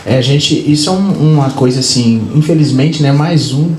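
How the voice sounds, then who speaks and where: A man's voice: mid-range voice, moderate pace, darkish tone. A man moderating a live event, making brief, encouraging comments and calling for questions from the audience. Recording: echoey room, crowd noise, far from mic.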